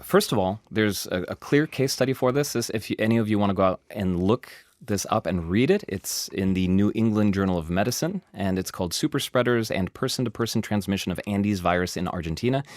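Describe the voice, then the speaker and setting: Low-voiced man explaining science news. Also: a little fast, hardly any pauses, no room sound, studio quality. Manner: animated, explains at length with asides and emphasis. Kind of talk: casual explanatory podcast talk. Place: studio.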